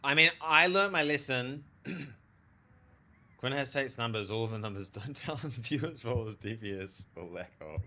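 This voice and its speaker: A man livestreaming a game and chatting casually with viewers, speaking with a strong lisp from wearing a retainer in an animated, slangy way. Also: medium pitch, measured pace. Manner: animated, slangy, talks to chat. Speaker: live streamer, theologian. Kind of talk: casual livestream chat over gameplay.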